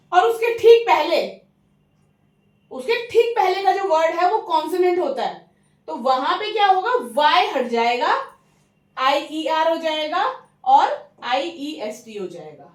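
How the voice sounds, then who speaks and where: A high, light-voiced woman with an Indian accent gives a patient grammar lesson, walking through each rule step by step. She checks in with the listener often and slows right down on example words. The sound is roomy, with the mic set a little way off. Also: animated. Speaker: English grammar teacher. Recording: roomy, mic some distance away.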